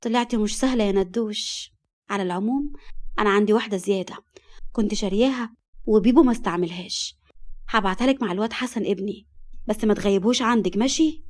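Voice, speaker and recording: A woman's voice: mid-range voice, fast, long pauses, a little mellow, lightly acted. A woman with an Egyptian accent voicing a bold older sister who scolds and teases, stretching her exclamations. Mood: wry.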